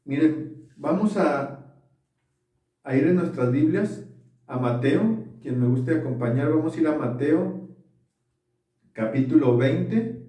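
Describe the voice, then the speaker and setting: A pastor with a fairly high, expressive voice and a dark tone preaches slowly, leaving long pauses. He earnestly checks that listeners are following and often asks for their agreement. The mic is far off in an echoey room.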